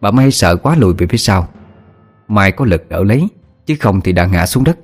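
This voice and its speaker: A man narrating a horror story in a steady, measured storytelling voice. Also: low-pitched, slightly rough, faint music behind. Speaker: audiobook narrator.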